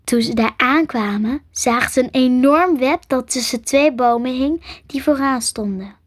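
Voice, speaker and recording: A woman narrating a storybook, her voice soft and half-whispered, pitched a little high. The recording is dry and close, with no room sound. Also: measured pace, dry recording. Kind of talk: storybook reading.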